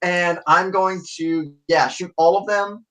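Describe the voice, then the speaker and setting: A man's voice: high voice, fairly even intonation, slow pace, bright, forceful tone, low-quality recording. A man playing a tabletop game, chatting casually in an insistent, mischievous way.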